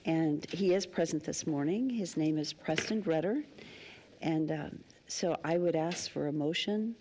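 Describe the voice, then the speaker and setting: Woman, mayor running a council meeting, lowish voice, brisk and casual, faint room noise. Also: mellow. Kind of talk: chairing a public meeting.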